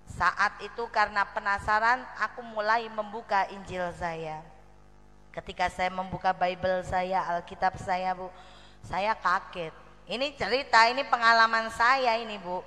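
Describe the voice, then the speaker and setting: A Javanese woman preaches in a long, echoing hall with a sharp, bright tone. She tells her story with lively energy and keeps turning to address the women listening. Faint music plays under her voice. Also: mid-range voice, a little slow. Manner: lively storyteller, acts out quoted friends, mixes in Javanese. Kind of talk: storytelling sermon to a female audience.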